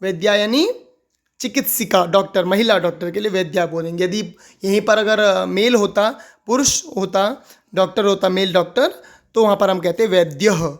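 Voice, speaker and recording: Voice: mid-range voice, normal speed. A teacher explaining a grammar lesson, asking questions aloud and answering them, repeating each key word several times. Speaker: Sanskrit teacher.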